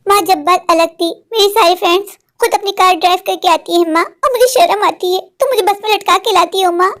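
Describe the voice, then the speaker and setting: A woman's voice: very high-pitched, brisk, fairly bright tone. A woman voicing a stubborn modern college girl in a cartoon, pleading and arguing with her mother. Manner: pleading, argumentative, repeats "maa". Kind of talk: Hindi cartoon voice acting.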